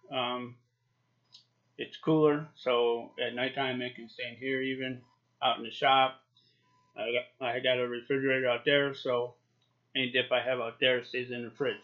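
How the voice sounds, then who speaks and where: A man in his forties giving a casual, chatty review to camera, talking with a lip full of dip. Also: mid-range voice. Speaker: YouTube product reviewer. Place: small home office, indoors. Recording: dull, lo-fi webcam sound.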